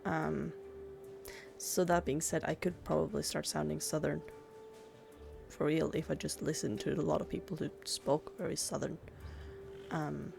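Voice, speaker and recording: This gaming YouTuber from Sweden, a native Swedish speaker, has a deep, gravelly voice. She chats and rambles through casual gameplay commentary, filling it with "like."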